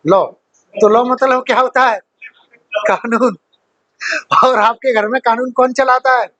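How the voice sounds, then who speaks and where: A man's voice: very high voice, fairly even intonation, measured pace, a bit bright, lo-fi sound. A man teaching a grammar class who quizzes his students, repeats key points, and mixes English terms into his explanations. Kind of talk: classroom lecture.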